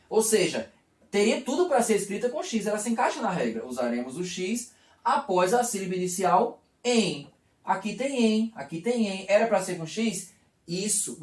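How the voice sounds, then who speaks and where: A man teaching a video lesson, with a lively voice that rises and falls as he walks through each step. He often asks a question and then answers it himself. The sound is roomy and echoey, caught from some distance away. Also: high-pitched. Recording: echoey room, voice from far off.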